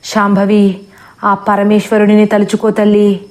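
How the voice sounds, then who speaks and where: A woman's voice: medium pitch, monotone, unhurried, a little mellow, lightly acted. A woman voicing a devout male ascetic who chants and prays earnestly in a storybook horror tale. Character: devout male ascetic, steadfast, praying to Shiva.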